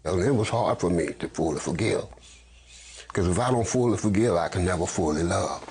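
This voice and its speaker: A man with a husky voice speaking slowly and reflectively in a documentary interview. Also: low-pitched, a little mellow. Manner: slow, reflective.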